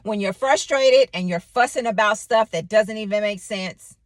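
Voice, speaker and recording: A woman in her thirties giving an animated devotional talk, telling a personal story with sudden exclamations. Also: medium pitch, moderate pace, dry recording. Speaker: faith vlogger.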